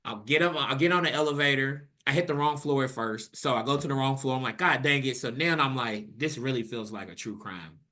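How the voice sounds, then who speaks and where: A man's voice: a little fast, hardly any pauses. A young man co-hosting a podcast, telling a story in casual, profane chat and acting out the quotes with a rising voice. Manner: animated, profane, acts out quotes with rising pitch. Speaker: podcast co-host.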